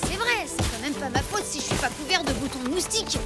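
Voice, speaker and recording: A woman voicing Tib, a gentle, teased young boy in a French cartoon, speaking earnestly and a little plaintively. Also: high voice, expressive, quick pace. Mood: fed up. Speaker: lead character. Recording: cartoon dialogue with loud music.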